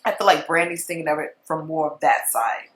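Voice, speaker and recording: Young woman vlogger, casual and animated commentary, lower-pitched voice, echoey room. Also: a little fast. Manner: chatty, animated, full of "you know" and "like".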